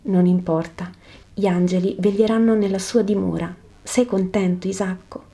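A woman reading the lines of a gentle, patient male teacher in a quiet, measured voice, in a scripted religious narrative. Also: medium pitch, fairly even intonation, close to an everyday voice. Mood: gentle, solemn.

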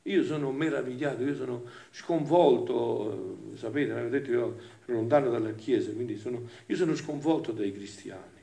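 A man preaching a homily in a gravelly voice, in an echoey church room. He keeps asking rhetorical questions and moves between hushed asides and loud, emphatic passages. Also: medium pitch, moderate pace, hardly any pauses. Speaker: friar preacher. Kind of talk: sermon.

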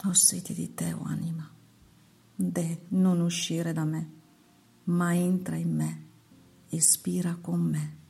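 Woman reading the Lord, hushed and gravelly. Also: fairly low pitch, flat delivery, full character voice. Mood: solemn. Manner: slow, measured, hushed recitation. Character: the Lord, a solemn male divine voice. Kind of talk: devotional reading.

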